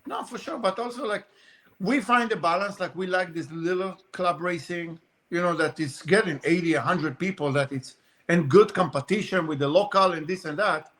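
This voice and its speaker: A man who races RC cars, telling rambling, animated stories in a casual podcast chat with many fillers. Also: high-pitched. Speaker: guest, RC car racer.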